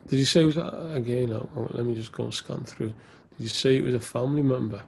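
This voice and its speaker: A man's voice: medium pitch, quick pace, creaky, darkish tone, a little hiss or hum. A man, an Islamic scholar, answering questions in an earnest, direct way during a live Q&A session, with casual banter. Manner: earnest, then teasing and laughing.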